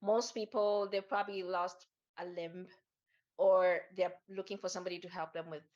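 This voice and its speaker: A woman's voice: on the low side, fairly even intonation, moderate pace, darkish tone. Woman from Kenya on dull audio. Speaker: guest. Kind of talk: interview conversation.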